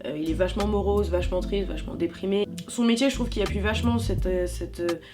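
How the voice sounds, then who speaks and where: A young woman chatting animatedly about films she loves, slangy and quick to correct herself. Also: mid-range voice, steady tone, music in the background. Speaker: YouTuber. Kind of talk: casual film review vlog.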